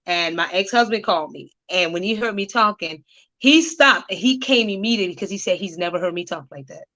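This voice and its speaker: A woman's voice: fairly low pitch, brisk, bright, forceful tone. A woman entrepreneur telling her story as an interview guest, candid and emphatic. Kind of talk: casual interview chat.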